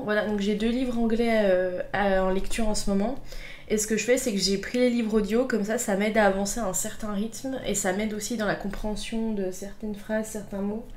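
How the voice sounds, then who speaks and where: A woman's voice: medium pitch, darkish tone, slight background noise. Chatty woman book vlogger. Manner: chatty, with many fillers and playful asides. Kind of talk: casual unboxing chat.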